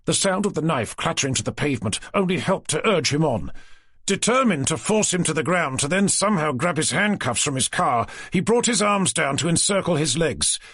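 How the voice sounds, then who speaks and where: A male narrator reading a thriller audiobook in a steady, measured way. His voice is husky and moves a lot in pitch, and the recording is close and dry. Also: dry recording.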